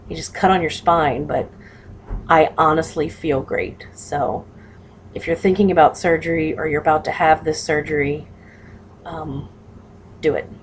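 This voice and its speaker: A woman with a low voice talks informally, as a patient passing on practical tips. Her delivery is halting and matter-of-fact, and there is noise behind her. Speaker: patient sharing surgery recovery advice. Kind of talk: casual personal vlog talk.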